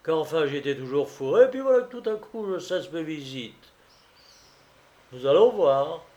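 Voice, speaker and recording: A man's voice: a little high, expressive, moderate pace, warm tone, muffled recording, voice pushed up, lightly acted. A man voicing a vain, touchy young male clerk in love, talking in a fretful, self-important way. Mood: resolute. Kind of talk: audiobook reading.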